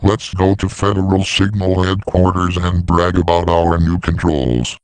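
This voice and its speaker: A man voicing scripted dialogue for an animated story about talking machines. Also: sits low, a little slow, clear, resonant tone, no room sound, rough recording. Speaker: voice of talking siren characters.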